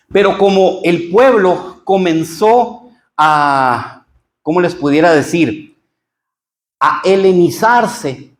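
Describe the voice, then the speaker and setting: A man's voice: high voice, echoey room. A man with a Mexican Spanish accent teaching a church Bible lesson, explaining patiently and addressing listeners as brothers. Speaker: pastor teaching a Bible class. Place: church hall.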